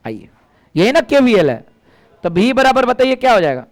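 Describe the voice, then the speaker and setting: A man's voice: very high voice, very animated, moderate pace. A male physics teacher, giving a lecture and coaxing students to call out answers. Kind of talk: classroom lecture.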